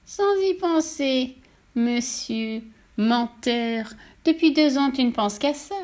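A spiteful old witch from a storybook, her thin, sour voice pitched high and shrill, put on by a woman reading aloud. She mocks and gloats as she sets her trap. Her voice swoops through a wide range. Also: animated, slow pace, a little mellow. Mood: gloating. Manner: mocking, gloating and scheming. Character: spiteful old female witch in a broom cupboard.

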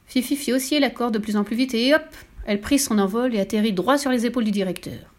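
A woman narrating a children's storybook with a lively, expressive reading. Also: a little high, quick pace.

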